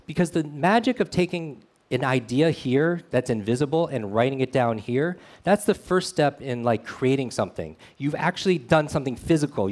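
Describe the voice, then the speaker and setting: A man delivers a motivational talk built around a personal story. His voice sits at an ordinary middle pitch. He speaks earnestly and keeps turning to the audience with quick questions. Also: darkish tone. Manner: earnest, speaks straight to the audience with frequent "right?". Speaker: speaker at a meetup.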